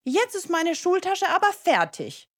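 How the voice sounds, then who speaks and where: A woman's voice: medium pitch, big pitch swings, slow pace, pitched above the performer's own voice, heavily acted. A woman voicing an eager little boy about to start school, in a storybook reading. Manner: eager, chatty.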